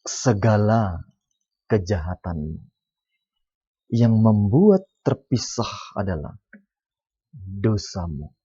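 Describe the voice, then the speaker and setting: A man preaching a sermon, who drops to quiet asides and then rises to loud, emphatic lines. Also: lowish voice, big pitch swings, slow pace, pauses often, breathy edge. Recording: dull lo-fi sound.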